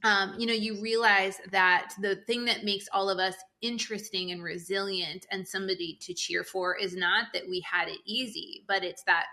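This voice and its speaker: Woman host, bright punchy voice, thinks out loud before asking. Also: mid-range voice, steady tone, moderate pace, few pauses. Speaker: podcast host. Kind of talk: conversational interview.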